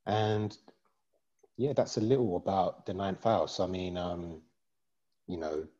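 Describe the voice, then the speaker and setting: Host: guy, very low voice, laid-back and jokey, on a dull lo-fi video call. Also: slow pace, warm tone. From East London. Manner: joking, laid-back, rambling. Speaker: podcast host. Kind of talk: casual chat about astrology.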